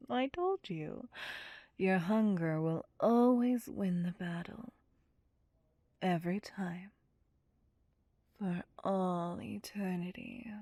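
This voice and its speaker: In this ASMR roleplay, a voice actress plays a possessive, cocky, sadistic vampire who holds the listener captive and comes across as playfully menacing. Her lowish, dark whisper is breathy and husky, delivered slowly in a teasing, seductive, domineering way. The mood is seductive and commanding, and there's no echo.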